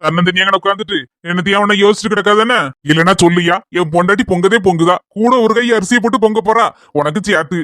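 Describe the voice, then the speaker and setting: A man voicing a gentle, fussing elderly father in a cartoon, with a Kanyakumari Tamil accent. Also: high-pitched, fast talker, no room sound, clean studio sound, pitched below the performer's own voice. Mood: fond. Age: older. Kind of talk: cartoon voice acting.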